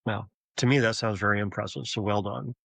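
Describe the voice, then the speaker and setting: A man's voice: lowish voice, steady tone, brisk, gravelly, a bit bright, no echo, poor audio. A man hosting a podcast interview, reading a scripted intro and then asking questions in a casual way. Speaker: podcast host.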